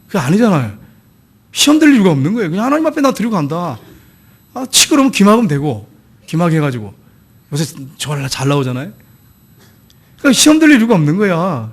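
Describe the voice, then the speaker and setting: A middle-aged man preaching a sermon as pastor, acting out the voices of church members he tells about. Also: high-pitched. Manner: lively preaching, acts out quoted church members.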